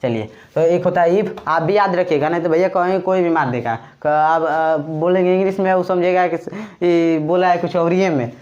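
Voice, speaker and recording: A man's voice: on the high side, normal speed, a little mellow. A man teaching a casual grammar lesson in a chatty, joking way, with a Bhojpuri-tinged Hindi accent. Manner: chatty, joking, addresses viewers as brothers. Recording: slightly dull lo-fi recording.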